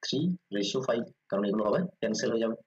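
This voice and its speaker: A man's voice: lowish voice, steady tone, a little mellow, highs cut off. A man with a Bengali accent teaching an exam-prep math lesson, explaining step by step and often checking that students follow. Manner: quick, repeats "ঠিক আছে?" checks, explains step by step.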